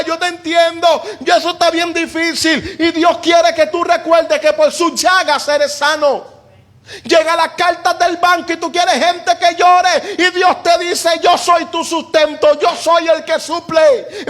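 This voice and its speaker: A pastor preaches in a strikingly high voice. He delivers his sermon with fervor, rising to shouts and acting out quoted voices. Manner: impassioned preaching, voicing God and people in quotes.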